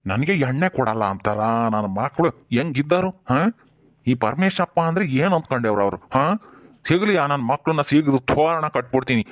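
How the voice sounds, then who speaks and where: A man's voice: mid-range voice, lively intonation, fairly quick, natural voice. An actor playing a drunken, abusive middle-aged father who slurs and bullies. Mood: drunk boasting. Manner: slurred, bullying, shouting. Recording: dull lo-fi sound.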